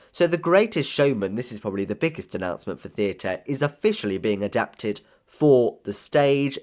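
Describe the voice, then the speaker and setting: A young man with a slight lisp hosting a casual theatre news show, chatty and opinionated with self-deprecating asides. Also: fairly low pitch. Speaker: theatre news podcast host. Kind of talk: casual solo news chat.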